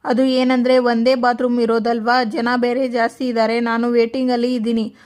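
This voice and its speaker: A woman's voice: on the high side, flat delivery, normal speed, a little mellow, close to an everyday voice. A woman voicing a fussy modern young woman pleading with her grandmother. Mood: whiny. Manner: whiny, pleading.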